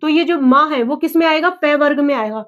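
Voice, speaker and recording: A woman's voice: high-pitched, normal speed, a bit bright, dull audio. A woman teaching an exam-prep class, asking a question, answering it herself and repeating it back. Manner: repetitive, drilling, asks and answers own questions.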